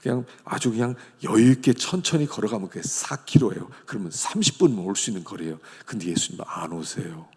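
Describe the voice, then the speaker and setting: A man preaching a sermon as pastor, swinging from loud declarations to hushed whispers. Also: lowish voice, fast, vocal fry, hardly any pauses, slightly rough. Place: church sanctuary. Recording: long church hall reverb.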